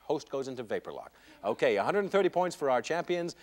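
Lively man hosting a game show. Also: mid-range voice, fast. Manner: wry, joking, conversational. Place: television studio. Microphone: lapel mic.

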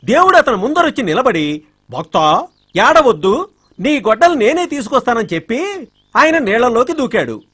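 An earnest village gardener telling a simple tale with a husky voice and a lively, swooping pitch. He narrates with patient, plain sincerity. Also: moderate pace, pauses often, heavily acted. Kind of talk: comedic film dialogue.

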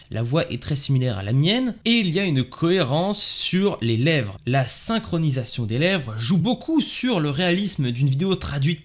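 A man hosting a software tutorial, explaining eagerly and step by step. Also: mid-range voice. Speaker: tech video host. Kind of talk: screen-share software tutorial.

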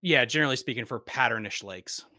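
Bright, dry-sounding young podcast host. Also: male voice, mid-range voice, quick pace, no echo. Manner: enthusiastic, talks in long run-on thoughts. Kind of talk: casual interview talk. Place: small home studio. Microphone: studio mic on desk.

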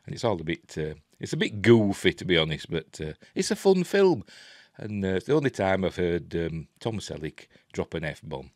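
A very animated man with a low, slightly mellow voice speaks at a moderate pace, recorded dry and clean as in a studio. In his sixties and from Yorkshire, he hosts a film and TV news vlog, meandering hesitantly through casual commentary indoors in a small cluttered home room.

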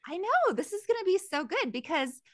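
A woman's voice: very high-pitched, sing-song, fairly quick, dry recording, studio quality. A woman hosting a podcast, bubbly and enthusiastic as she introduces and interviews a guest. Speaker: podcast host.

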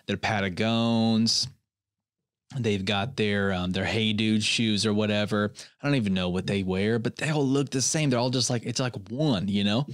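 A man's voice: on the low side, no room sound, clean studio sound. A young man hosting a comedy podcast, rambling in a mock-earnest way and often restarting his sentences. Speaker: podcast host. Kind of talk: comedic solo podcast monologue.

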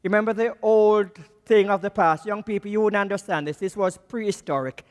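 A man with a Jamaican accent preaching a sermon as a missions speaker, slow and emphatic, his voice dropping low on the key words. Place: church. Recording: long reverb of a church hall.

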